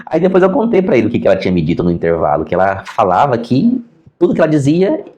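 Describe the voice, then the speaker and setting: Brazilian male teacher, mellow tone, animated pitch, casual storytelling lesson, acts out dialogue. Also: fast, dull audio. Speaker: sign language teacher and interpreter.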